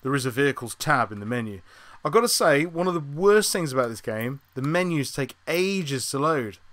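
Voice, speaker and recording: A man's voice: medium pitch, expressive, moderate pace, fairly bright tone, no room sound. British man chatting while live streaming a game. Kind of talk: casual chat over gameplay. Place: small room at home, indoors. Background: faint game music.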